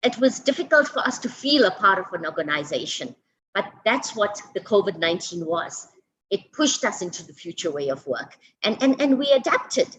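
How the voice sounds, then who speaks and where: A woman with a South African accent giving a webinar lecture over a video call. She talks fast, restarts and repeats words, and often checks in with "okay?". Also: medium pitch, sing-song, fairly bright tone, a little hiss or hum, rough recording. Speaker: webinar speaker.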